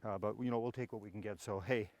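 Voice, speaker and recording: A man's voice: fairly low pitch, steady tone, fast talker, darkish tone, dry recording. A man hosting a gardening video outdoors, talking casually and with enthusiasm while trudging through snow, a bit out of breath. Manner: casual, enthusiastic, plain-spoken. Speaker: gardening channel host. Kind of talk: walking garden tour talk. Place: snowy yard outdoors.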